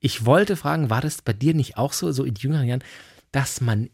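A man's voice: medium pitch, fairly quick, vocal fry, breathy edge, dry recording, clean studio sound. A man, co-hosting a casual podcast chat and acting out quoted dialogue. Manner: animated, acts out quoted dialogue. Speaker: podcast co-host.

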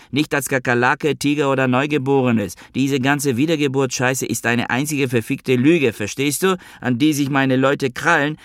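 A man's voice: medium pitch, no echo, clean studio sound, voice pushed up, natural voice. A man doing a furious ranting Druze soldier. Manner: shouting, ranting, crude. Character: agitated, bitter male Druze soldier, volatile and aggressive. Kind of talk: audiobook character voice.

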